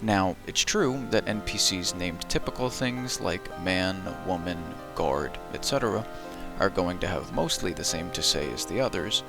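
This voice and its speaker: An adult man whose childhood gaming years fell in the early 2000s narrates a scripted video essay in a dry, wry voice-over. His deep voice is expressive and measured in pace, with music playing behind him.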